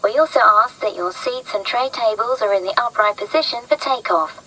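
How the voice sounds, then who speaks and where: A woman's voice: on the high side, moderate pace, bright, forceful tone, breathy edge, rough recording. A woman making polite, formal cabin announcements as a flight attendant.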